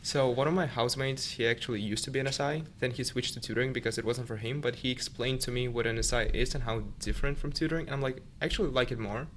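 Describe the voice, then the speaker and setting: A young man from Uzbekistan, whose first language is Russian, speaks at a medium pitch and a quick pace with few pauses, over a faint hiss or hum. He's a student tutor appearing as a podcast guest, chatting casually in an interview and relaxed enough to lean on "like" as a filler.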